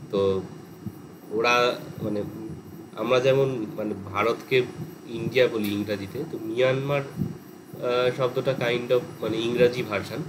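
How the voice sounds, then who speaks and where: A male teacher with a West Bengal Bengali accent, lecturing in a class and explaining terms at length with English words mixed in. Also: medium pitch. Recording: air conditioner hum behind.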